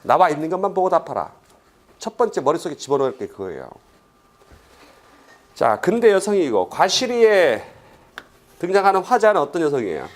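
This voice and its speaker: A middle-aged man from Korea lectures a class in an animated, swooping voice. His pitch sits a little high for a man. He keeps firing rhetorical questions and briefly acts out the lines he quotes. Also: fairly quick, long pauses. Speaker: Korean language exam lecturer.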